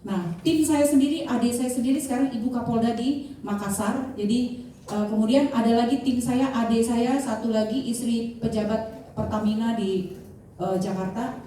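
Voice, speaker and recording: A woman of about fifty gives a motivational sharing talk to an audience, chatty and full of fillers, now and then questioning the crowd. Her voice is mellow and dark. She is picked up from far off in a strongly echoing hall with faint background ambience. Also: a little high, normal speed, a little hiss or hum. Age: 50s. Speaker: insurance agent giving a sharing talk. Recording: distant mic, heavy room echo.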